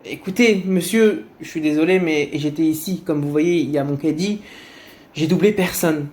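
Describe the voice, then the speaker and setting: Humble husband, soft and polite, earnest; a man voices him. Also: on the high side, moderate pace, close to an everyday voice. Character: humble religious husband, gentle and modest.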